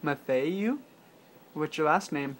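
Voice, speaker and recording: Playful young dad quizzing a toddler. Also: male voice, a little high, takes it slowly, slight background noise. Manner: patient, playful questioning with soft laughs. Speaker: father. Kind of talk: casual home video chat with a toddler. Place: family apartment at home.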